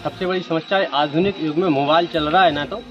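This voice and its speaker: A man's voice: fairly high pitch, steady tone, quick pace. A man from rural Madhya Pradesh, a village resident earnestly and indignantly airing complaints in an on-the-spot outdoor interview. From Datia district, Madhya Pradesh, India. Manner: earnest, indignant, talks in short bursts. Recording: dull lo-fi sound with music behind.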